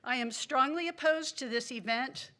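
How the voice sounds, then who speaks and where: A woman's voice: high-pitched, moderate pace, bright, forceful tone. A woman giving public comment at a city council meeting, indignant and earnest, speaking into a podium microphone. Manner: indignant, earnest, apologetic asides.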